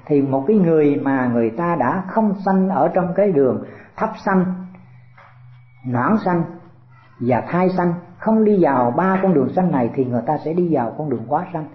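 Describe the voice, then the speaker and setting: A man's voice: fairly high pitch, lively intonation, brisk. An older man, a Buddhist teacher giving a folksy dharma talk to disciples, full of rhetorical questions. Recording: echoey room over a tinny phone-like line.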